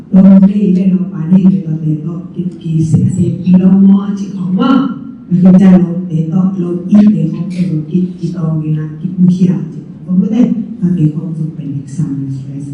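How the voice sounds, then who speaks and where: A woman's voice: lowish voice, slight background noise. A woman giving a lecture on self care with slides, mixing English terms into her talk and laughing lightly now and then. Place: church hall. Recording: echoey hall from far off, dull.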